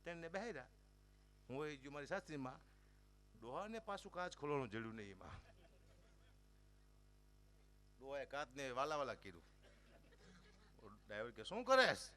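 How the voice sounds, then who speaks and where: A man's voice: medium pitch, moderate pace, long pauses, slight background noise. A man telling comic folk stories on stage and acting out the characters with lots of energy. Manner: animated, acts out characters. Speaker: folk storyteller.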